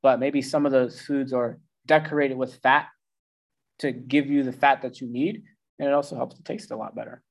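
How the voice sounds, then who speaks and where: A man's voice: medium pitch, fairly even intonation, normal speed, creaky. A man giving casual advice on meal timing and food as a coach, talking loosely with slang and filler words. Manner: loose and conversational, slangy, acts out the brain in goofy voices. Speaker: nutrition coach. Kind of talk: casual instructional talk.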